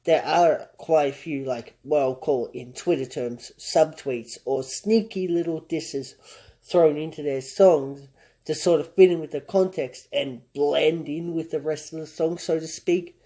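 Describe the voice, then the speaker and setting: A man's voice: a little high, fairly even intonation, a little slow, mellow. A man hosting a reaction commentary, talking through song lyrics in a conversational, analytical way and chuckling often. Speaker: commentary channel host.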